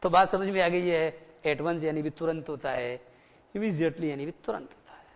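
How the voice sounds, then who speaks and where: A man's voice: fairly high pitch, moderate pace, long reverb tail, dull audio. A male teacher giving a grammar lesson in a mix of Hindi and English, repeating key words and asking the class questions.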